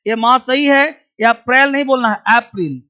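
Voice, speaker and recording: A man's voice: very high-pitched, fairly even intonation, fairly quick, sharp tone, clear, resonant tone. A man teaching an English lesson in a classroom style, drilling words aloud and repeating them with a commanding manner.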